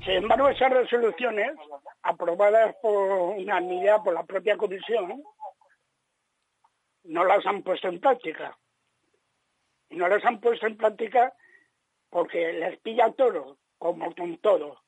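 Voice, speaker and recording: A man calling in over the phone to a radio debate, making his points earnestly and deliberately, repeating them. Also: high-pitched, slightly rough, dry recording, rough recording. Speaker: radio caller. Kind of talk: call-in opinion on a radio debate.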